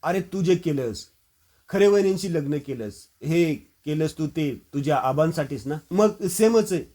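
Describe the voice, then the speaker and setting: Guy reading a young groom, troubled and resigned, bit high. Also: lively intonation, unhurried, warm tone.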